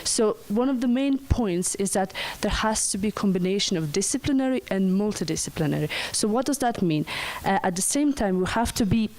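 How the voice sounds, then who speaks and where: A woman's voice: medium pitch, lively intonation, fairly quick, few pauses, a little mellow, low-quality recording. A young woman from Croatia, giving a friendly conference presentation and laughing lightly now and then.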